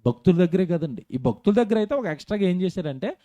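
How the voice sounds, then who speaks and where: Man preaching a sermon, high voice, mellow tone, dry close sound, asks the congregation questions. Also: sing-song, fast, dry recording. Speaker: pastor.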